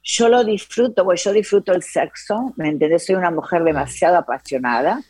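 A woman's voice: fairly low pitch, fairly quick, darkish tone, slightly rough, no room sound. A woman with an Argentine accent, a guest in a casual interview, talking in a playful, flirtatious way. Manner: flirtatious and playful, laughs often.

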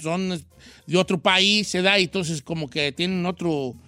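A man's voice: sits high, normal speed, pushed and bright, no echo. A man with a Mexican accent hosting a radio show, bantering and joking with his co-hosts. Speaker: radio host.

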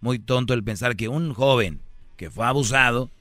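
A man's voice: medium pitch, normal speed, a bit bright, dry recording. A man hosting a radio talk show, arguing with callers in a combative, self-assured and lecturing manner. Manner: repeats a slangy address to callers. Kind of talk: heated on-air argument.

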